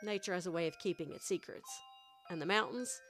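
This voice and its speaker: A woman with a country accent, hosting her own podcast and narrating a scripted, hushed, dramatic mystery story into a studio mic. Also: fairly low pitch, brisk, faint music behind. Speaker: podcast host. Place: home studio.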